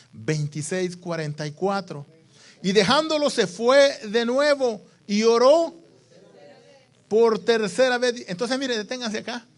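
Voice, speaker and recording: A male pastor with a Latin American Spanish accent preaching a sermon in a church, swinging from hushed passages to loud calls to the congregation. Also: high voice.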